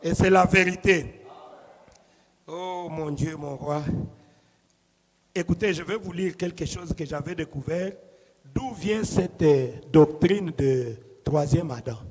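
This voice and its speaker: A man preaching a sermon as pastor, swinging between loud emphatic cries and quiet murmured asides. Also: a little high, measured pace. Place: church. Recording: long reverb of a large hall.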